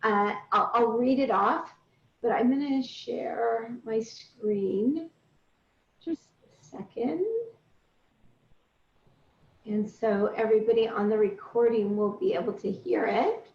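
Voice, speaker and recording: On a recorded group video call indoors, a middle-aged woman coaches a group, guiding them through points step by step. Her voice is on the high side, slow, with long pauses, and the online call audio is dull, distant and roomy.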